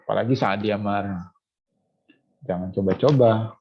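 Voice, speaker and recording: In a classroom or online session, a man addresses university students in a lowish, breathy voice at a measured pace, with dull-sounding audio. His explanation unfolds step by step, peppered with fillers and false starts, and he keeps checking whether the students follow.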